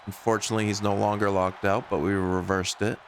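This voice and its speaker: Low-voiced man doing casual gameplay commentary. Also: little pitch movement, a little fast, a little hiss or hum. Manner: conversational, thinking aloud. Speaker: game streamer, VTuber.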